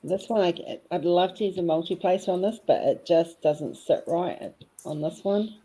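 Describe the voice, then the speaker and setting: A woman's voice: fairly low pitch, moderate pace, dark tone, husky, poor audio. Chatty cheeky New woman. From New Zealand. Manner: chatty and cheeky, rambling fondly. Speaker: craft vlogger. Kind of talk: casual chat while diamond painting.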